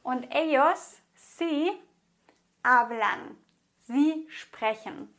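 Lady teacher with a high voice, takes it slow, patient and encouraging, repeats stuff. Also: fairly bright tone. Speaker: language teacher. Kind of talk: spoken grammar lesson.

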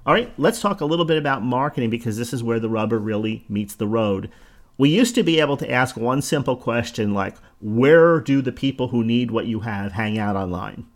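A man's voice: medium pitch, lively intonation, a little fast. A middle-aged man with a New Jersey accent talks through his solo podcast, casual and conversational. He wanders into asides and corrects himself mid-thought. His voice sits in an ordinary middle register. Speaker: podcast host.

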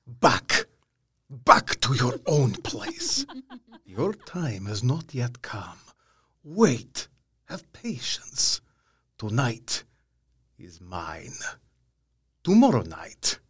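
A man playing a courteous yet menacing vampire count in an audio drama, commanding and mocking, with a slow, theatrical delivery and a husky voice. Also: fairly low pitch, very animated, sharp tone, heavily acted. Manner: slow, theatrical, stately, with sudden swells.

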